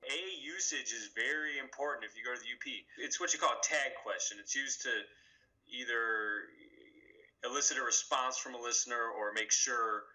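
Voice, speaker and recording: A man being interviewed as an author, explaining speech habits in a relaxed, conversational way. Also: mid-range voice, normal speed, rough recording.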